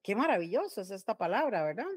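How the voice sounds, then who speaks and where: A woman's voice: medium pitch, sing-song, fast, slightly rough, dry recording, clean studio sound. A middle-aged woman pastor with a Costa Rican accent, preaching emphatically at home. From Costa Rica. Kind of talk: home Bible teaching sermon.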